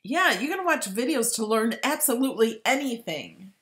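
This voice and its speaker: A woman's voice: fairly high pitch, very animated, normal speed, fairly bright tone. A woman hosting a live stream, talking casually and thinking aloud as she replies to viewers. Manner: chatty, informal, thinking aloud.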